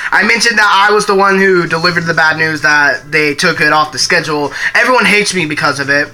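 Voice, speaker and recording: A man's voice: fairly high pitch, fairly quick, bright, forceful tone. A young man streaming live and chatting casually, rambling with restarts and some swearing.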